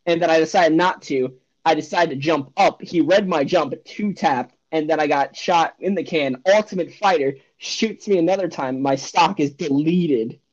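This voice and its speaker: A man's voice: a little high, moderate pace, hardly any pauses. A young man with a slightly raised voice rambles through casual chat, cursing freely and joking. The recording is dull and lo-fi, made at home in his room. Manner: rambling, swears often, playful. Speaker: podcast co-host. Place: bedroom at home.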